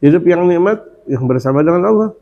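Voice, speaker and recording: A male preacher gives a Ramadan sermon in a lively, colloquial way with humorous asides, often chanting the same devout phrases again and again. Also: a little high, fast. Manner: repetitive chanting of dhikr phrases. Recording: dull lo-fi recording.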